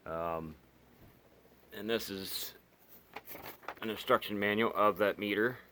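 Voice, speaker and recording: Reviewing radios for his hobbyist videos, a man gives a loose, unscripted demo, hesitating and rambling. His voice is fairly low yet bright and forceful, his pace slow, and background noise is clearly present.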